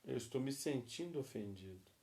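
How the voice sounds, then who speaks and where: A man with a gravelly voice helps lead a church couples seminar. He reads example phrases slowly and leads a prayer. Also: medium pitch, expressive, dark tone. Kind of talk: reading example phrases and praying.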